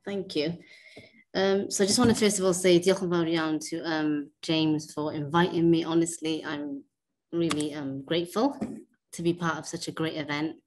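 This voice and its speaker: A young woman from Wales talks on a video call through a wired earphone mic, her voice low-pitched for a woman. She speaks softly and hesitantly, filling pauses with ums, and sounds a little nervous as she introduces herself as a guest speaker. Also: little pitch movement. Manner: soft-spoken, hesitant, with many fillers. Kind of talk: casual spoken introduction. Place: indoor room at home.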